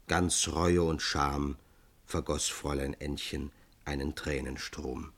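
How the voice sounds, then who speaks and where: A man narrating a literary fairy tale in a scripted, expressive reading. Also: very deep voice, slow pace.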